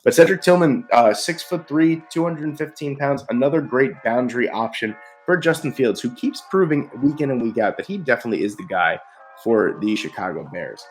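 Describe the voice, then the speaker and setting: A man hosting a casual football mock draft video, talking with excitement and frequent restarts. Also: medium pitch, faint music behind. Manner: excited, rapid-fire picks with frequent restarts. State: short of breath. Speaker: sports video host.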